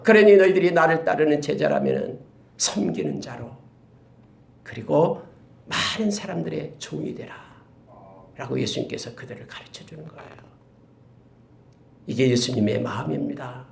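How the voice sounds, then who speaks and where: A male pastor preaching a sermon, moving between loud, stirring exclamations and hushed, whispered asides. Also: a little high, animated, normal speed, gravelly, long pauses, a little hiss or hum. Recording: roomy echo.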